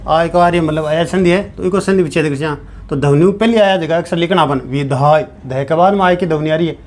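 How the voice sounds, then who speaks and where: A man's voice: fairly high pitch, fairly quick. A man teaching a grammar lesson, repeating each step and answering his own questions. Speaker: Sanskrit teacher.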